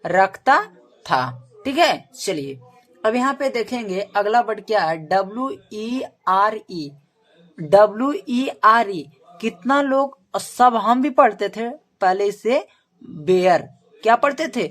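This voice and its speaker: A woman teacher works through a lesson at a very unhurried pace, at an ordinary pitch. She spells words out letter by letter and drills them with questions she answers herself. She ends almost every point with an "okay.". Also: lively intonation. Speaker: English teacher. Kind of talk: spoken lesson to camera.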